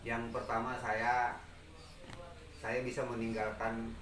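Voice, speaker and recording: A man's voice: mid-range voice, monotone, slow pace, a crowd in the background. A man in his forties telling an interviewer about his own experiences in an earnest storytelling manner. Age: 40s. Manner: earnest storytelling, acts out quoted dialogue. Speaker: interview guest. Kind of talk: recounting personal experiences. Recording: echoey, far from mic, noisy.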